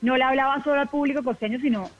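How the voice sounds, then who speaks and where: A woman from the Colombian Caribbean coast with a softened coastal accent, a TV news presenter chatting quickly as a radio guest. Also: sits high, steady tone. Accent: Colombian coastal Spanish, softened. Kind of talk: casual radio chat. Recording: tinny phone line, dry.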